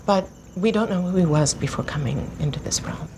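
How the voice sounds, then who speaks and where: A woman's voice: on the low side, brisk, background noise, lightly acted. A woman playing a stern, commanding old village mage woman in an audio drama.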